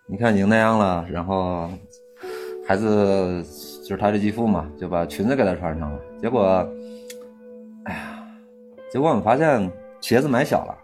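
A man in his thirties with a low voice tells a personal story in plain, casual speech. He halts and restarts often, and his voice heats up when anger takes over. Faint music plays beneath him. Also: darkish tone. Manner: halting, many restarts and fillers, rising heat when angry. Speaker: volunteer aid worker telling his story.

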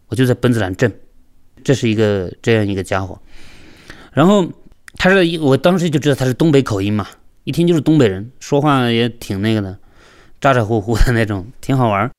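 A man from Yunnan, a local merchant, telling his own story in a lively, chatty way and acting out the dialogue. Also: medium pitch, brisk. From Yunnan, China. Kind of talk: storytelling interview.

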